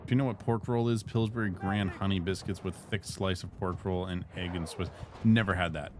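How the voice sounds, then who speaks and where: Low-voiced casual gamer man. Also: noisy background. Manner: relaxed, swears, quick callouts. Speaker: podcast guest and gamer. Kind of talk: casual chat while gaming. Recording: game sounds behind.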